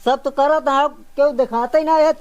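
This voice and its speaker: Comedy skit, Awadhi village friend male actor, high voice, interjecting commentary from the side. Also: steady tone, moderate pace, muffled recording. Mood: commenting. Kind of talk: amateur rural comedy skit acting.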